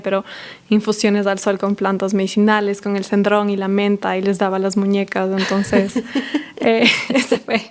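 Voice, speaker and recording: A woman, a guest on a podcast, telling stories from her childhood in a relaxed way, with many fillers. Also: medium pitch, clear, resonant tone. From Ecuador. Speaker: guest, herbal medicine expert. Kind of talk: casual interview talk.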